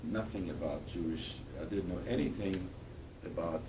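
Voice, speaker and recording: Recorded from a distance in a school room with constant background noise, a deep, low-voiced older guest speaker gives a talk and Q&A for schoolchildren. He is from Poland and his first language is Polish, and his earnest speech keeps breaking off as he begins phrases anew.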